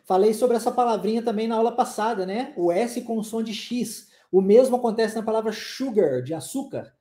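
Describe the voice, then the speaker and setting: Brazilian woman, English teacher, mellow tone, slow model phrases, roomy sound. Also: fairly high pitch. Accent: Brazilian Portuguese. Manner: repeats phrases slowly for students to echo. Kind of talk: online language lesson.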